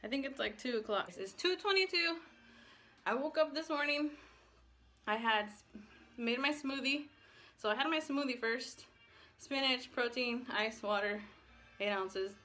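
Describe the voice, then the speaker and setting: A woman's voice: high voice, a little slow, pauses often, pushed and bright, faint music behind. A woman fitness vlogger talking casually in a rambling, slangy way, breathless from exercise. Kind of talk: casual chatty workout vlog.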